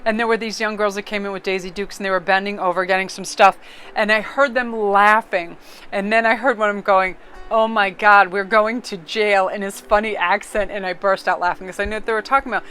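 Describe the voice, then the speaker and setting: A woman's voice: mid-range voice, steady tone, quick pace, a bit bright, clean tone, soft background music. A woman casually reading tarot cards aloud, chatty and rambling, often breaking into laughter. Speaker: tarot card reader.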